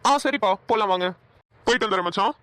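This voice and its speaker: A woman voicing a kindly older man who is a family elder in a cartoon, speaking gently. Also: medium pitch, racing, no echo, natural voice. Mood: calm. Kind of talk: cartoon voice acting.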